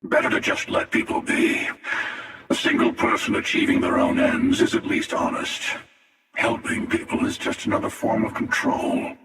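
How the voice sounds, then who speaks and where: A man playing The Hunter, a cynical, menacing older villain in a video game, with a breathy rasp and a slow, sardonic, world-weary delivery. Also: lowish voice, wildly swooping pitch, a bit bright, exaggerated voice. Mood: cynical musing. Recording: long echoing reverb, distant from mic.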